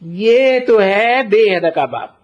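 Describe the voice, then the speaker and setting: Man, spiritual teacher, unhurried deliberate delivery, rhetorical questions, muffled lo-fi sound. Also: high voice, lively intonation. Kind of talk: slow spiritual discourse. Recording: dull lo-fi recording.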